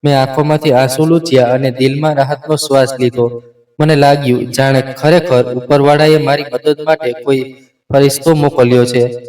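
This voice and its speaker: A man narrating a scripted story in a steady, earnest way. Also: mid-range voice, normal speed. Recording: roomy echo, distant mic.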